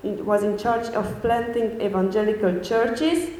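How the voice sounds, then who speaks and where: Slow, earnest woman in an echoey hall. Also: mid-range voice, steady tone, darkish tone, slight background noise. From Romania. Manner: earnest, careful, with hesitant fillers. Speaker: speaker giving a testimony. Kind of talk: personal faith testimony.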